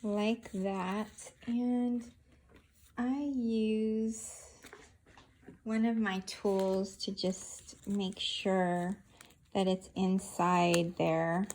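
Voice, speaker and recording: A woman's voice: medium pitch, little pitch movement, a little mellow, a little hiss or hum. A woman hosting a casual craft tutorial, talking through each step of her handiwork as she goes. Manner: unhurried, narrating each hand movement as she works.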